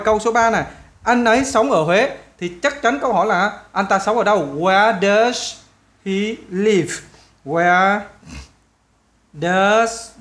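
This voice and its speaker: This is a chatty English lesson for schoolchildren, given by a man who speaks Vietnamese as his first language. He has a high, somewhat bright voice, and he keeps repeating phrases and spelling English questions out slowly.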